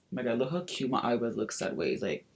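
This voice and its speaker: A makeup vlogger and drag performer talks fast in a creaky, mid-range voice with big pitch swings, against heavy background noise. Playing a sassy drag queen, he chats casually through a get-ready-with-me makeup tutorial, full of campy slang and exclamations.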